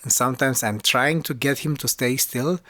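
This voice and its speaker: A man co-hosting a casual podcast who teaches music, talking in halting bursts with frequent restarts. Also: medium pitch, bright, forceful tone, no room sound. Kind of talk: casual conversational podcast chat.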